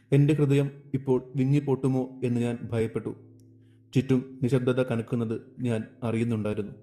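A man narrating a romantic story in the first person, reading slowly and with emotion. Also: mid-range voice, mellow.

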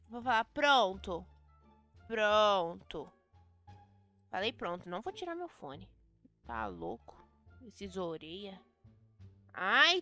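A woman with a Brazilian accent giving dramatic, excitable game role-play commentary, talking straight to her viewers. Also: fairly high pitch, no echo. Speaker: gaming video host.

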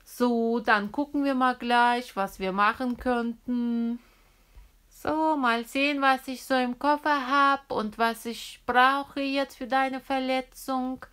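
A woman voicing a calm emergency doctor. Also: sits high, slow pace, smooth. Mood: reassuring. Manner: soothing, reassuring, fond of "so". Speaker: toy figure voice. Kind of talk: playing with toy figures for children.

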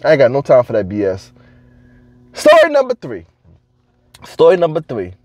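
A man vlogging to camera, telling stories in a casual, slangy, animated way and laughing between lines. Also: mid-range voice, fast, dry recording.

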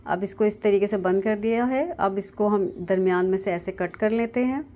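A woman with a Pakistani Urdu accent narrates a cooking video, calmly walking through each step. Her voice is mellow and warm, sitting at an ordinary middle pitch. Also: moderate pace. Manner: calm step-by-step instructing. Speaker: cooking channel host. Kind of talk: recipe voice-over narration.

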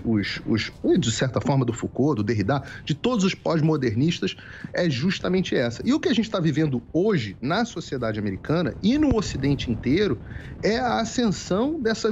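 A man's voice: a little high, darkish tone, a little hiss or hum. A man speaking as a guest commentator on a political talk show, lecturing in an emphatic way and repeating key phrases, heard over dull, lo-fi remote-call audio.

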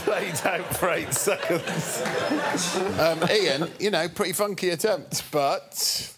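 A man's voice: on the high side, slow pace, a loud crowd. A man hosting a comedy panel show, teasing the contestants with mock-incredulous remarks. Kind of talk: comic studio banter. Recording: loud audience and noise. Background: studio audience laughter.

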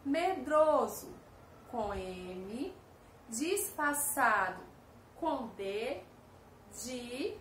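High-voiced Brazilian teacher, slow and patient. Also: female voice, fairly bright tone. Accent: Brazilian Portuguese. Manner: slow, patient, sounds out syllables for children. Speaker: first-grade teacher. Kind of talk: recorded remote lesson for young children. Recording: echoey room with faint ambient noise.

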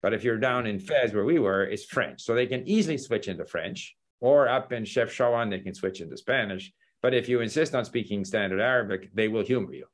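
An older man with a lowish voice hosts language learning content, sharing travel stories on a casual laptop-webcam video call from his home study. He talks fairly quickly with hardly any pauses, gesturing with his hands and chuckling as he goes.

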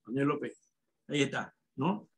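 A man's voice: medium pitch, lively intonation, normal speed, breathy edge. A male primary school teacher running an online class, calling on pupils and patiently spelling words out syllable by syllable.

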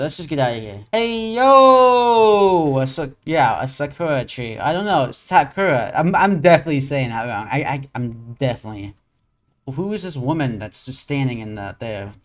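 A young man giving casual, excitable commentary while playing a horror video game, often laughing and saying "dude" and "bro". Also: on the high side. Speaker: gaming channel host.

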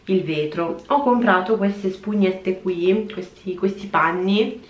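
A young woman talks viewers through her cleaning in an easy, chatty way, her voice sitting at a medium pitch. The sound bounces off the hard tiles of a small bathroom, heard through a camera set on the counter. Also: slow pace, highs cut off. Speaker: vlogger. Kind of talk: casual cleaning vlog chat. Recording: echoey tiled room.

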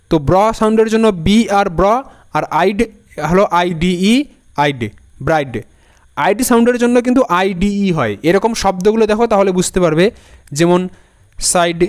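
A male teacher gives a patient spelling lesson, spelling words out letter by letter and saying each one several times over. His voice sits high and sounds smooth and resonant. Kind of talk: Bengali-language spelling lesson.

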